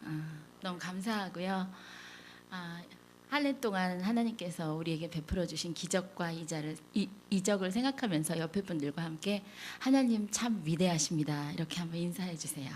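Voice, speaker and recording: A woman's voice: lowish voice, normal speed, a little mellow, slight background noise. A middle-aged woman speaking as a lay seminar leader at a church, telling her story candidly and acting out the lines she once said. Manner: candid storytelling, acts out quoted lines, laughs at herself.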